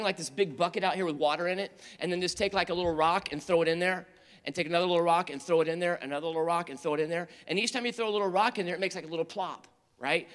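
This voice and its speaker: Youth pastor guy, kinda high voice, earnest sermon storytelling, big reverby hall. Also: a bit bright. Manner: earnest storytelling, building and dropping intensity. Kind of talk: sermon to teenagers.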